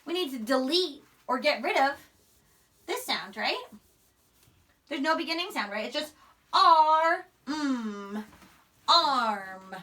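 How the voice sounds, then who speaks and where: A young primary school teacher leads a phonics lesson for small children, emphatically sounding out letters and words in front of a whiteboard in a small indoor room. Her voice is high, lively in intonation, slow and sharp, with long pauses. A camera mic a few steps away captures her distantly.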